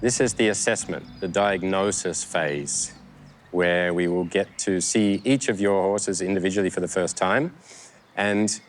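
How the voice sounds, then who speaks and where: A man hosting a riding camp, speaking earnestly and reflectively to his riders about horses and self-improvement. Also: sits low. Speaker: horse trainer and camp host. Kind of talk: addressing riders and camera.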